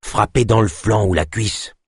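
A man voicing a tough father leading a desperate rescue, giving low, urgent commands in a storybook reading. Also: normal speed, husky, no echo, studio quality. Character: grown man, rescuing father, terse leader.

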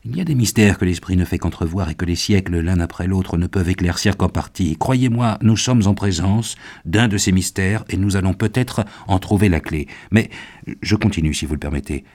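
A man's voice: low voice, a little mellow. Van Helsing, a man voicing a grave old professor. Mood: solemn. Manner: solemn, measured pleading. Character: elderly male professor, grave and patient.

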